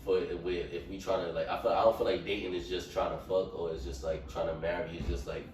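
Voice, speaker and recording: A man's voice: deep voice, little pitch movement, quick pace, darkish tone. A man, a podcast guest, rambling in a casual group chat with many fillers. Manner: rambling, heavy use of fillers. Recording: echoey room, mic far off, faint noise.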